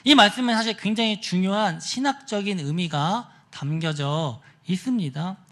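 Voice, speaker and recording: A male pastor preaching a sermon, telling a story with lively acted-out quotes. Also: sits high, normal speed. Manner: animated storytelling, acting out voices in quotes. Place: church sanctuary.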